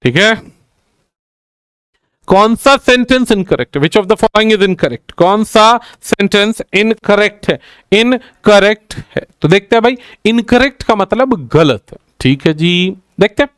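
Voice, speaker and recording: High, smooth-voiced male teacher. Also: lively intonation, measured pace, dry recording, clean studio sound. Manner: repeats key points, calls students "bhai", mixes in English grammar terms. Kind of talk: exam answer-key explanation.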